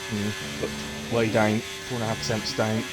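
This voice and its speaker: A man's voice: lowish voice, monotone, normal speed, over loud music, poor audio. A man giving live, conversational play-by-play commentary on online race qualifying, thinking aloud as he follows the cars. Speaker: sim racing commentator.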